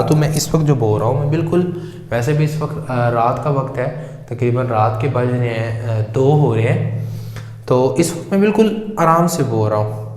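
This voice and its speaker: Brief: patient male teacher, everyday examples, boomy reverberant room. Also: a little mellow. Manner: patient, calls students 'beta', explains with everyday examples. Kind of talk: physics lesson. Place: his room at night. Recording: echoey room with long reverb.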